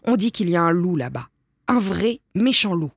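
A woman voicing a patient, gruff grown-up male wolf who grumbles calmly, read close and dry. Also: normal speed, dry recording. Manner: low, grumbling and calm. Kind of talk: storybook reading.

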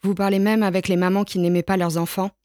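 A woman's voice: medium pitch, little pitch movement, fast, darkish tone, dry recording, close to an everyday voice. A hurt, stubborn little girl speaks up in a raised, pleading voice, as a woman reads her part. The recording is close and dry with no room sound. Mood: questioning.

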